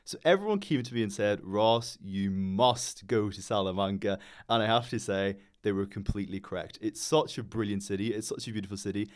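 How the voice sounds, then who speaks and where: A young man from Northern Ireland, a student teacher and native English speaker, appears as a guest on a radio interview. His lowish voice runs a little fast with few pauses, and he comes across as upbeat, chatty and polite.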